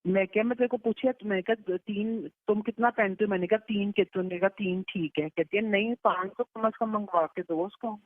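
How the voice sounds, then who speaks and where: A woman with a Pakistani Punjabi accent, a daughter on a casual private phone call, recounts what was said by quoting it. Her mid-range voice is fairly even and moderately paced, with hardly any pauses and no echo. The leaked telephone line sounds narrow and muffled.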